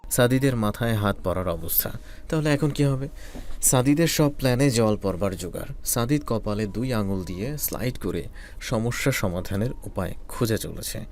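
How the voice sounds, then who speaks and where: Brief: male narrator, lowish voice, calm romantic storytelling. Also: moderate pace, soft background music.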